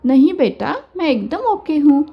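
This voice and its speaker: A woman voicing an older mother-in-law who speaks gently and firmly, giving measured advice in an audio story. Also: high voice, sing-song, highs cut off, full character voice. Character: older mother-in-law, calm, wise, quietly firm.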